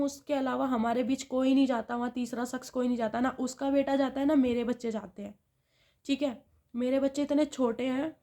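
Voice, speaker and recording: A woman's voice: sits high, warm tone. A woman vlogger venting to her viewers in an aggrieved way, asking rhetorical questions and answering them herself.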